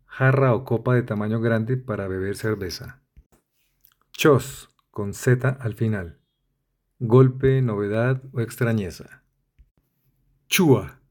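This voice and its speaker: Slow, measured man reading dictionary entries. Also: medium pitch, darkish tone. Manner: measured, spelling out each word. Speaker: dictionary reader.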